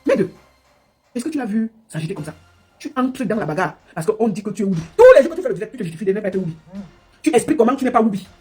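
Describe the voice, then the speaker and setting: A woman's voice: mid-range voice, animated, a little mellow, slightly rough, soft background music. A woman giving a scolding, mocking live commentary. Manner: scolding, mocking, rapid-fire. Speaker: livestream commentator.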